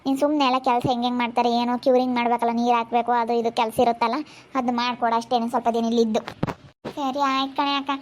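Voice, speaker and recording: A woman chatting in a family vlog, brisk and reassuring. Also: fairly high pitch, little pitch movement. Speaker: family vlogger. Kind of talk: casual family chat.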